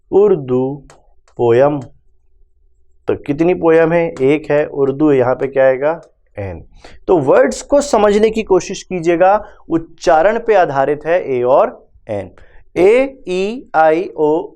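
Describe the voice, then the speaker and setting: A man's voice: fairly high pitch, darkish tone. A male teacher gives a grammar lesson, asking questions and answering them himself. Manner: calls students "beta".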